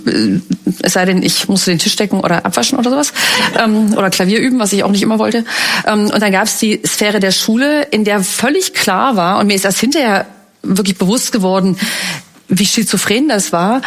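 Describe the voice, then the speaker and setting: A middle-aged woman from East Germany, a panel guest reflectively recounting childhood memories before an audience. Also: medium pitch.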